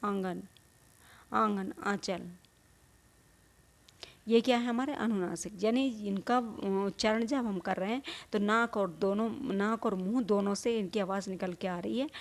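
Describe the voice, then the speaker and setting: A woman's voice: medium pitch, a little mellow. A woman teaching a Hindi grammar lesson, explaining patiently, repeating points, asking rhetorical questions and sounding out vowels herself. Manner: demonstrates vowel sounds aloud.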